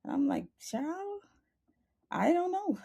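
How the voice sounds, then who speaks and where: A woman's voice: extremely high pitch, very animated, takes it slowly, creaky, warm tone. A young adult woman with a Bahamian accent, a podcast guest speaking earnestly and passionately about her journey, over a video call. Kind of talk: podcast interview.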